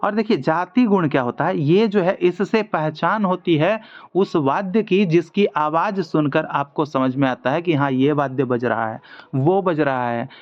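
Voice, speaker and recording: A man's voice: fairly high pitch, a little slow, highs cut off. A man teaching a music exam lesson, walking through multiple-choice questions step by step and asking himself rhetorical questions as he explains. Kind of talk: online MCQ lesson.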